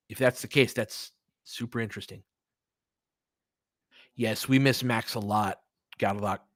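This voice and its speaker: With a mid-range voice and a fairly bright tone, this man hosts a live basketball stream, giving informal commentary, thinking aloud and answering chat like the sports podcast host he is. The studio-quality recording has no echo.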